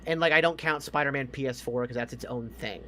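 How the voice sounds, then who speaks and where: Talking games and movies on a casual podcast, this co-host swears freely and states his opinions emphatically. He speaks quickly in a mid-range voice with a bright, forceful tone, over a slight hiss or hum.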